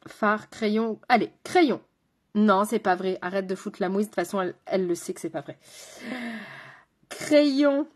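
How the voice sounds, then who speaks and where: A woman's voice: mid-range voice, steady tone, a little fast, few pauses. A woman with a French accent, a makeup artist chatting with viewers while doing her makeup on a live stream. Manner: chatty, talks straight to viewers and chat.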